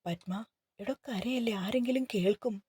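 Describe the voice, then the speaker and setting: A woman's voice: on the high side, moderate pace, darkish tone, breathy edge, no room sound. A woman reading the lines of a protective young husband in a romantic novel, firm and reassuring. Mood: coaxing.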